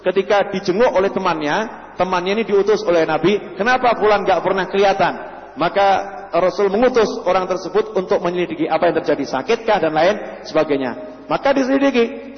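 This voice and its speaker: A man delivering a sermon to a congregation, telling stories and acting out the people in them, sometimes clipping and restarting words. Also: high-pitched. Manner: storytelling preacher, acts out quoted voices, stretches words. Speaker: preacher. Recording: dull lo-fi sound with long hall reverb.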